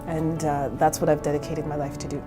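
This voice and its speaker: A woman's voice: low voice, little pitch movement, brisk, music in the background. A woman in her forties from Canada, a therapist and entrepreneur, telling her own story in a candid, chatty interview. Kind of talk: personal interview.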